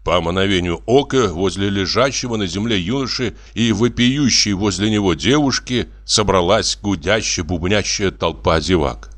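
A man narrating an audiobook in a measured, expressive storytelling manner. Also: sits low.

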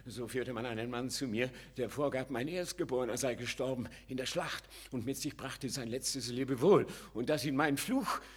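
An actor playing a frail older father who was starved in a vault, pleading in a husky, weak voice in a classic radio play. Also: mid-range voice, normal speed, hardly any pauses, lightly acted.

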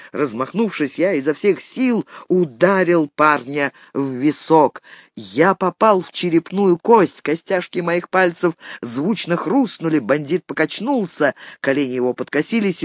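A man reading a first-person audiobook in a measured, tense storytelling voice. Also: a little high, dry recording, studio quality. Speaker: audiobook narrator.

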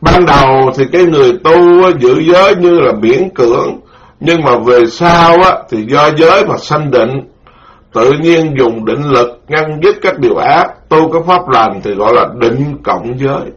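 A middle-aged man, a Buddhist monk giving a dharma lecture, speaking slowly and repeating key terms for his listeners. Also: a little high. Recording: dull lo-fi recording.

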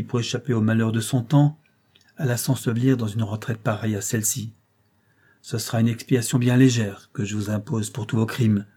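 A man reading an audiobook, voicing a calm, stern young gentleman who speaks in a quiet, measured way. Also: mid-range voice, breathy edge, close to an everyday voice.

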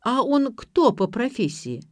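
A woman's voice: on the high side, sing-song, unhurried, no room sound, clean studio sound, pitched above the performer's own voice. A woman voicing a curt, commanding man. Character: cold, demanding man on the phone.

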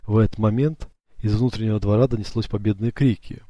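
A man narrating an audiobook in a steady, measured way. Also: on the low side, no room sound, highs cut off. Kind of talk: scripted narration.

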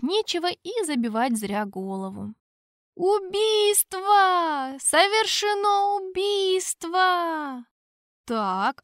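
A woman's voice: a little high, no echo. Wry first-person audiobook reader, woman, raised voice, dead-dry booth. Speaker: audiobook narrator.

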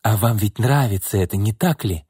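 A male narrator voicing a distraught young female secretary who bitterly accuses her boss, speaking slowly and with emphasis. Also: fairly low pitch, warm tone, breathy edge, no room sound, clean studio sound.

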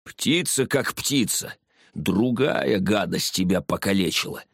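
A man voicing a stern old village herbalist woman who talks curtly and hoarsely in an audiobook. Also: lowish voice, expressive, fairly bright tone, no room sound, studio quality, full character voice. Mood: gruff. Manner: curt, slow and commanding.

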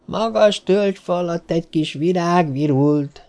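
A man's voice: high-pitched, a little mellow, pitched above the performer's own voice. A man voicing a giddy, drunken male robot who calls out in a singsong, erratic way in an audiobook.

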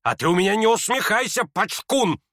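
A man putting on a shrill, furious older woman. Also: expressive, fairly quick, fairly bright tone, no room sound, studio quality. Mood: indignant scolding. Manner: shrill indignant scolding. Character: older woman, hot-tempered, scolding, excitable. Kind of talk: audiobook character reading.

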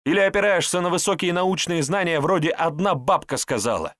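A man's voice: fairly high pitch, expressive, fairly quick, fairly bright tone, dry recording, clean studio sound, pitched above the performer's own voice. A man voicing a blunt, sardonic male hero who speaks in a mocking, scornful way. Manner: mocking, scornful, plain-spoken.

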